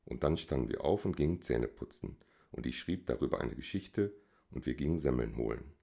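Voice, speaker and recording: A man's voice: rumbling low, lively intonation, brisk, vocal fry, warm tone, slightly rough. A man narrating a humorous story as an audiobook, in a dry, wry storytelling manner.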